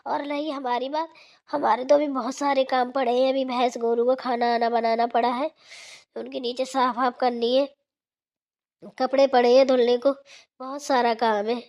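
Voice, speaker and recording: A dutiful cartoon daughter-in-law, voiced by a woman, earnestly explains her busy day. Her voice is high and bright. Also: little pitch movement, normal speed, muffled recording. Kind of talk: cartoon voice acting.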